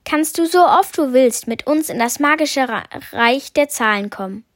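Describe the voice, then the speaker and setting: A woman's voice: sits high, animated, moderate pace, dry recording, studio quality. A woman reading a children's story aloud, voicing a patient, wise talking number one who explains things.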